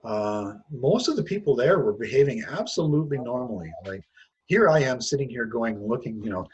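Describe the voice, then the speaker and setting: A man's voice: mid-range voice, expressive, a little fast, breathy edge, dull audio. A Canadian man giving an interview, talking candidly with many halts and restarts. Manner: hesitant, restarts often, self-deprecating. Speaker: interview guest.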